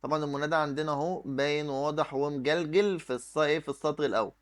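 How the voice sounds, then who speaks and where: An Arabic teacher speaking with an Egyptian accent delivers an exam review at a rapid-fire pace, his fairly high voice keeping a fairly even intonation. He writes on the screen while explaining each step and answering his own questions.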